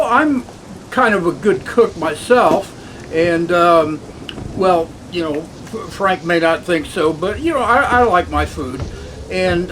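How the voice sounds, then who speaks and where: A man playing a hammy high-voiced horror host. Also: slight background noise, low-quality recording. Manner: showman patter, slow and playful. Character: hammy theatrical male horror host doctor. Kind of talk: campy late-night horror hosting.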